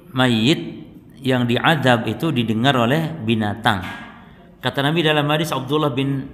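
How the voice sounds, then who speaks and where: A male Islamic teacher giving a religious study lesson. He recites Arabic texts and then explains them to the congregation. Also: on the high side. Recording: reverberant hall.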